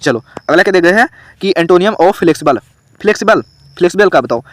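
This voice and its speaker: Indian man teaching grammar, fairly high, dry. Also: lively intonation, fairly quick, no echo. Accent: Hindi. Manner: explains step by step, asks students questions. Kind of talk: online grammar lesson.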